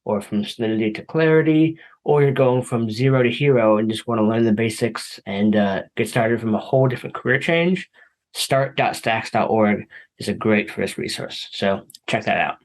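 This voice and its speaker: A man's voice: lowish voice, moderate pace. A man in his thirties hosting a podcast interview, chatting in a friendly, upbeat, rambling way over a video call. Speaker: podcast host. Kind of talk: casual interview chat.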